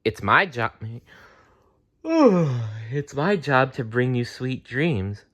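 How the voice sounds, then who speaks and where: A man voicing a sleepy, gentle storybook teddy bear in a drawn-out, sighing, drowsy way. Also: medium pitch, sing-song, pitched above the performer's own voice, full character voice.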